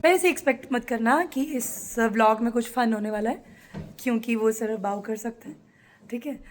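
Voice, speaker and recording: Talking at a moderate pace, this woman has a slightly high voice with a darkish tone. She's filming a daily family vlog at home on her phone, teasing her relatives in easygoing chat.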